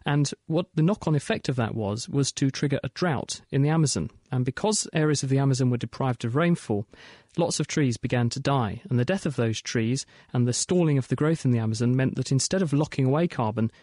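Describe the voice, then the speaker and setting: A British man presents a science programme in a bright, curious manner. His mid-pitched voice sits in a dry studio sound as he explains things clearly to listeners. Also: a little fast, hardly any pauses, no room sound. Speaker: science show host. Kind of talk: scripted science radio presenting.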